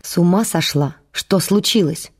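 A woman voicing a steady, wounded male fugitive in an audiobook, curt, then hushed and soothing. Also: lowish voice, a little slow, breathy edge. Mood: gruff.

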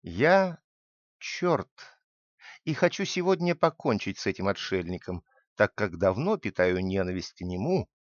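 A man's voice: deep voice, dry recording, pitched below the performer's own voice. A man voicing a malicious male devil in a read-aloud tale, in a dull, dry recording.

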